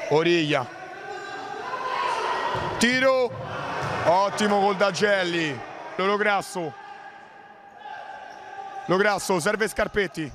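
A male futsal commentator with a high voice delivers excited, clipped play-by-play. His calls jump up for shots and goals. Clear indoor gym noise and ball bounces sit behind him. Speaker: sports commentator. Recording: noisy indoor sports hall ambience.

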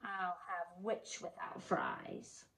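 Woman doing a slow, booming mean dragon. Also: huge pitch swings, gravelly, fairly bright tone, heavily acted. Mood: menacing. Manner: slow, booming, menacing drawl. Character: mean hungry male dragon. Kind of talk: storybook read-aloud.

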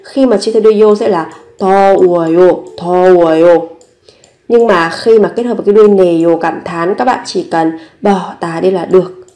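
A Vietnamese-speaking woman leads a language lesson, patiently repeating every phrase and breaking it down step by step. Her voice is mellow and fairly low, delivered at a normal speed.

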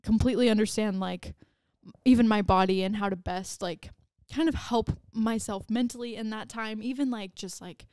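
A woman's voice: medium pitch, fairly even intonation, normal speed, darkish tone, clean tone, no room sound, studio quality. A pregnant woman in her twenties co-hosting a casual podcast chat, rambling and giggling with lots of "like"s. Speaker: podcast co-host.

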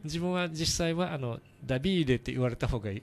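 Man explaining slowly with many fillers. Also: on the high side. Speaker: church radio show host. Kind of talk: casual explanatory radio talk.

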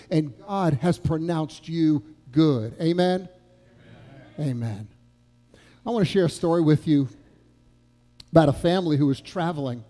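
A man's voice: high voice, dark tone. A male pastor preaching a sermon in a church, telling a story earnestly and asking the congregation questions. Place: church sanctuary. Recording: long church reverb.

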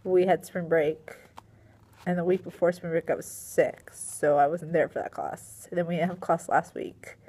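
Speaking in a lowish, mellow, slightly rough voice, a young middle school science teacher records a casual video diary on her laptop webcam at a desk in a small classroom. She's tired and sleepy, her voice a bit strained, and she rambles with plenty of fillers and sighs.

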